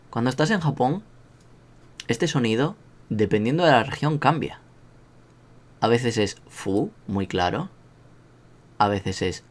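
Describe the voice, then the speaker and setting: Joking Spanish man teaching sounds. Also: medium pitch. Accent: Spain Spanish. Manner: joking, self-mocking, drills sounds aloud. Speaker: language teacher. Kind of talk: casual online lesson.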